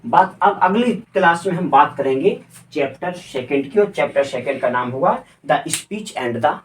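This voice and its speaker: A man's voice: a little high, animated, measured pace, roomy sound, distant mic. Man teaching grammar, off-mic. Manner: spells words out letter by letter and asks rhetorical questions. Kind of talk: classroom lecture.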